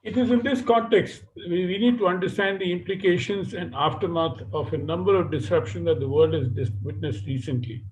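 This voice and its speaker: A man moderating a webinar, giving formal opening remarks in a measured, hesitant way with frequent fillers, heard over a video call. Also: high-pitched, slight background noise. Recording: dull lo-fi webinar audio.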